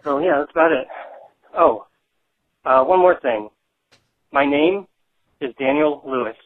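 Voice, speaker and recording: Voice message from a man in his thirties, tinny phone line, hesitant, deadpan. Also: on the high side, measured pace, heavy background noise. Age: 30s. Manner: hesitant, filler-heavy, deadpan. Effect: voice message played over a phone line. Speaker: listener leaving a voicemail. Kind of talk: rambling casual voicemail.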